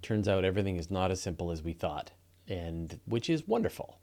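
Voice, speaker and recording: A man's voice: low-pitched, sing-song, brisk, dark tone. A Canadian man hosting a live podcast in casual, rambling chat, often laughing. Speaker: podcast host.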